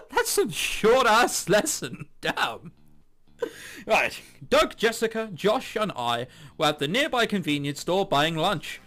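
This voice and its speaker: The host of a gaming video series, a man whose voice sits high and sounds a bit bright, reads a visual novel aloud with amused, sarcastic, sweary remarks while the game's soundtrack music plays.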